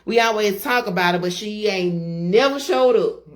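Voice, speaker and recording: A woman co-hosting a casual interview, relaxed and rambling with frequent laughs. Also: medium pitch, moderate pace. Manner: relaxed and rambling, laughing often, many fillers. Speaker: co-host, interviewer.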